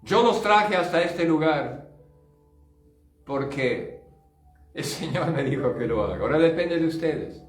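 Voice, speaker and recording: High-voiced older pastor preaching fervently. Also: male voice, expressive, unhurried, long pauses. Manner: fervent testimony with English asides. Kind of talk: sermon. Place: church. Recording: roomy church sound, distant mic, faint music.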